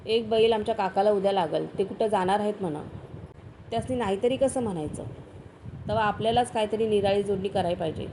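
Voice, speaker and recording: A woman's voice: medium pitch, fast, mellow, slight background noise, close to an everyday voice, poor audio. A woman voicing a rash lovesick village man. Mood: scheming. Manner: rustic village speech, urgent and pleading.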